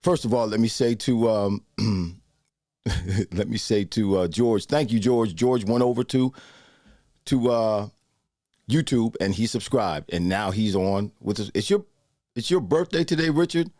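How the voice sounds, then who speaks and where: A man's voice: on the low side, unhurried, dark tone, no echo, studio quality. A man in his sixties hosting a casual live show, chatting loosely and greeting viewers by name. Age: 60s. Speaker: host. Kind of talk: casual livestream chat with viewers.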